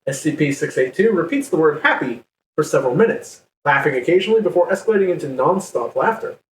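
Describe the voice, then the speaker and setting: A man's voice: on the high side, expressive, fast. A man who hosts a podcast reads a story aloud to his guests in a playful way, laughing now and then. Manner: playful, laughs while reading. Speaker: podcast host. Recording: echoey, distant mic with faint background noise.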